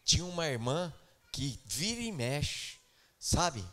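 Man, Brazilian pastor, church sermon, higher-pitched voice, emphatic preaching, loud repetitions. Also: big pitch swings, slow. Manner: emphatic, shifts between soft asides and loud repeated outbursts. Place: church sanctuary.

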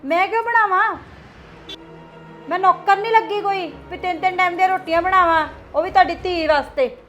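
A woman's voice: high-pitched, moderate pace, soft background music, natural voice. A young woman playing a defiant, self-centred daughter-in-law who argues back in a family drama skit. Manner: argumentative, talking back.

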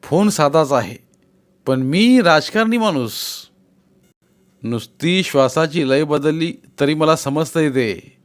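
A man's voice: fairly high pitch, expressive, takes it slowly, pauses often. A man doing a shrewd village politician, coaxing. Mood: coaxing, persuasive. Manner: pressing, coaxing, teasing. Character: shrewd male village politician, middle-aged, persuasive.

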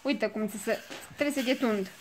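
A woman's voice: a little high, slight background noise. A woman at home filming her puppy on a phone, calling and cooing at it in sing-song bursts. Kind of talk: playful home video chat. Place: at home, indoors. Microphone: phone camera.

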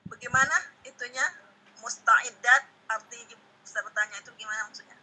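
A woman student keeps asking her teacher questions and repeats new words to practice. Her voice is high, breathy and very bright. She speaks over a video call. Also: fairly even intonation, brisk, low-quality recording. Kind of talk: asking questions in an online lesson.

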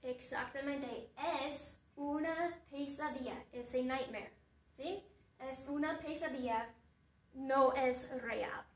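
A woman teacher telling a story to her class, asking them slow, deliberate questions and repeating each sentence. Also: high voice, far from the mic. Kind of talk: story-based language lesson. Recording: roomy echo, voice off-mic.

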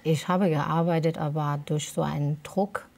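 Woman telling her life story in an interview, lots of ums, low gritty voice. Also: steady tone, moderate pace, vocal fry, a little mellow. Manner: hesitant, many fillers, emotional retelling. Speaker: interview guest. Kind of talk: personal testimony interview.

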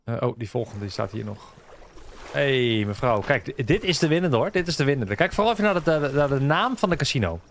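A man's voice: medium pitch, sing-song, brisk, a little hiss or hum. A man casually commentating on a game he is playing, joking and bantering with the characters on screen. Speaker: gaming video host. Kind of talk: casual let's-play commentary.

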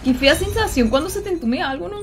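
A young Mexican woman livestreaming a game, talking to her chat in quick, slangy Spanish-flavored banter and teasing the viewers she greets. Her voice sits high. A faint hiss of noise runs underneath. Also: animated. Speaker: streamer. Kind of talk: casual gaming livestream chat.

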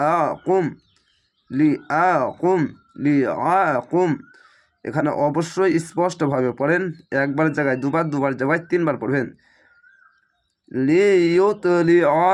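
Male Quran teacher with a Bangladeshi Bengali accent and a raised pitch, who spells out each word and repeats it patiently. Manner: breaks words into syllables, repeats them slowly. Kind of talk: spelling-out Quran recitation lesson.

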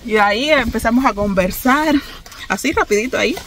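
A woman's voice: on the high side, fairly quick, slight background noise. A Cuban woman in her thirties with a Cuban Spanish accent, telling a story to her phone camera from the back seat of a car. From Cuba. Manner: chatty, animated, laughs often. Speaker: vlogger. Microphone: phone held at arm's length.

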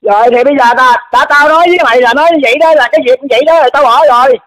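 A man's voice: extremely high pitch, rapid-fire, a bit bright. A man, arguing defensively on a phone call, stammering and repeating his words. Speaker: caller in a dispute. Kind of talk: heated phone argument.

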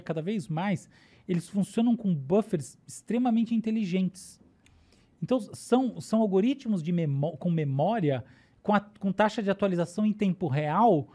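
A Brazilian woman on a podcast with a warm, mellow tone, laying out ideas step by step. She speaks in a relaxed way and keeps checking that her listener follows along. Her pitch sits in an ordinary middle range. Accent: Brazilian Portuguese. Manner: explanatory, often checks in with "tá?" and "né?". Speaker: neuroscientist guest. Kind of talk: casual podcast explanation.

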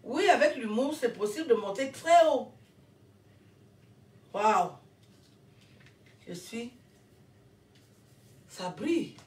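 A woman's voice: on the high side, lively intonation, takes it slowly, long pauses, a little mellow, far from the mic. A woman vlogging casually as she opens gifts, exclaiming often and thanking over and over. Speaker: vlogger and comedian. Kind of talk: casual unboxing vlog. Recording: roomy echo, voice away from the mic.

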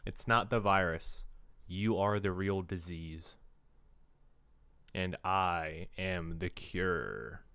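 A man voicing a vengeful mutated woman from a comic, speaking slowly and grimly. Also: on the low side, sharp tone, clear, resonant tone, no room sound.

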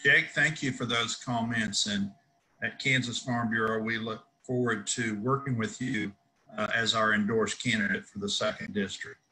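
An older man in his sixties, a farm organization leader, making a measured, formal announcement over a laptop webcam from a room at home. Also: fairly low pitch, fairly even intonation, bright, forceful tone, a little hiss or hum, rough recording. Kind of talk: prepared announcement over video call. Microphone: laptop webcam on a video call.

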